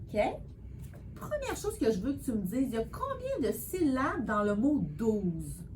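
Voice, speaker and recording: A woman tutoring a child in spelling, patient and encouraging, sounding out words slowly. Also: on the high side, big pitch swings, darkish tone, slight background noise. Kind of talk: one-on-one spelling lesson.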